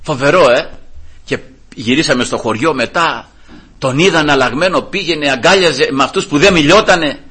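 A middle-aged man from the Peloponnese preaching a testimony sermon in church. His voice is husky and forceful, pitched a little high, and it rises and falls widely as he tells his story. He keeps turning to address the congregation as he goes. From Greece, Peloponnese.

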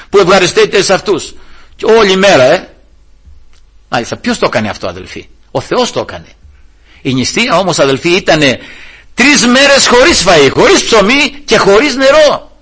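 A man's voice: fairly high pitch, a bit bright, breathy edge. A male preacher giving a sermon, telling a Bible story and calling his listeners brothers.

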